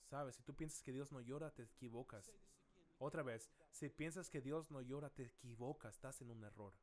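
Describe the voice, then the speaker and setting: A man pastor preaching a sermon in a church, dramatic, dropping soft and slow then rising to loud calls. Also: a little high.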